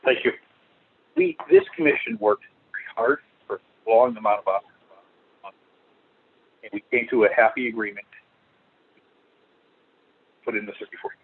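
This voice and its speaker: A man giving comments as a planning commissioner over a phone call that keeps breaking up and sounds underwater. He talks in a halting way, apologizing and restarting his phrases. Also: on the low side, huge pitch swings, slightly rough. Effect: choppy phone line breaking up, sounding underwater. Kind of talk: remote comments at a public meeting.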